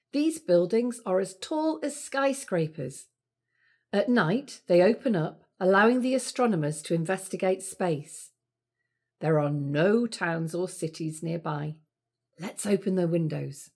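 A woman playing a calm spacecraft captain, narrating a scripted planetarium tour with a steady, measured cadence. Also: on the low side, slightly rough, heavily acted.

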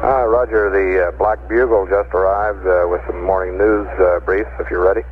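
A man's voice: sits low, steady tone, normal speed. A man at mission control reading news briefs to astronauts over a crackling space radio link, matter-of-fact and dotted with uh fillers. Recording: tinny, hissy archival radio transmission.

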